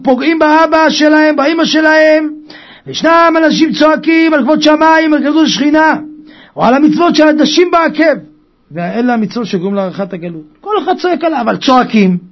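A man preaching a Torah sermon with passion, swinging from quiet talk to loud cries. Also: sits high. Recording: dull lo-fi recording.

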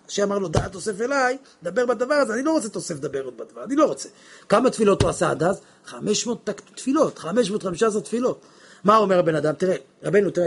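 Male rabbi-preacher, high husky voice, fervent sermon delivery that jumps from quiet to loud. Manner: impassioned, swings from hushed to shouting, acts out dialogues. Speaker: rabbi teaching on prayer. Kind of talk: religious lesson, sermon.

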